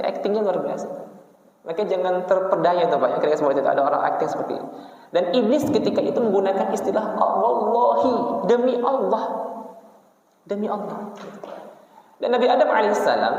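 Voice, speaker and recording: A man's voice: sits high, a little mellow. A man preaching a sermon in a mosque, telling a story and often addressing the listeners directly. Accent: Indonesian. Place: mosque hall. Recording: echoey hall from far off, muffled.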